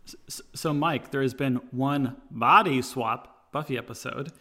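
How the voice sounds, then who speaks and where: A man hosts a relaxed podcast conversation in a voice with a noticeable gravelly rasp. He is animated, laughs readily and keeps tossing questions to his co-hosts. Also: mid-range voice, unhurried. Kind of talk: casual chat.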